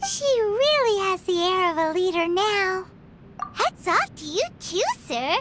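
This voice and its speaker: Paimon, a squeaky childlike fairy companion. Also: female voice, expressive, unhurried, very noisy. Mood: chirpy, impressed. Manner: refers to itself in the third person, blunt. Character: small childlike floating fairy companion, chirpy and candid. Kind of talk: video game voice acting.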